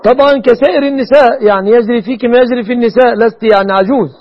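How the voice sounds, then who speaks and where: A man, a sheikh answering callers' religious questions in a measured, formal way and repeating key phrases. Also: very high voice. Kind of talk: call-in religious advice. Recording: muffled radio broadcast.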